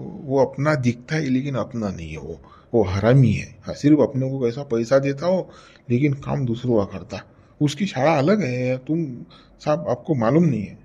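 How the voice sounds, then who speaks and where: A man's voice: mid-range voice, dark tone, slightly rough, dull audio. A man with acting in a village comedy sketch, talking in a chatty, coaxing way.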